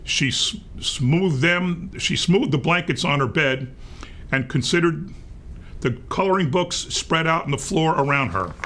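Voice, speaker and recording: A man reading a picture book aloud to young children in an expressive read-aloud manner. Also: on the high side, unhurried. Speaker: storybook reader.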